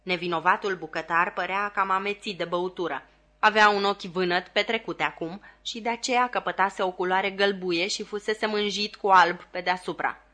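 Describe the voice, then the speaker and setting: A woman narrating an audiobook with a clear, expressive reading. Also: medium pitch. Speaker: audiobook reader. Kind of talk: scripted narration.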